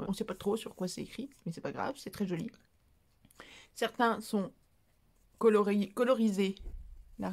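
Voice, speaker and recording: A French woman vlogging about her craft mail, chatty and rambling, with many fillers and restarts. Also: mid-range voice. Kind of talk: casual chat to camera.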